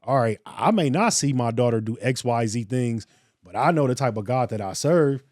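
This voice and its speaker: An earnest man talks on a podcast with a preacher's lilt. His voice sits at a middle pitch, recorded close and dry. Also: normal speed, no echo. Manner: earnest, preacherly, animated storytelling. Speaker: podcast co-host. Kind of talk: casual podcast discussion.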